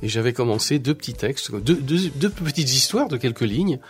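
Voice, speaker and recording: A man's voice: medium pitch, expressive, moderate pace. A man from Italy talking as a guest in a casual interview, often hesitating and repeating his words. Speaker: guest, writer.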